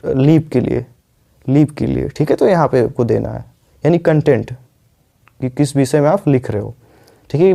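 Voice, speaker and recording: A man teaching English in a patient video lesson, often pausing to check with the viewer. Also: mid-range voice, gravelly, mellow. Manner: patient, repeats words, frequent "ठीक है" checks.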